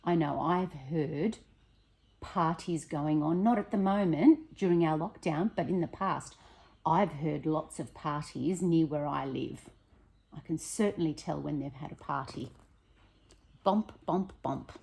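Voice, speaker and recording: In a low, slightly husky voice and at a measured pace, a primary school teacher reads a picture book to the children. Her reading is expressive, and she prompts them with questions as she goes.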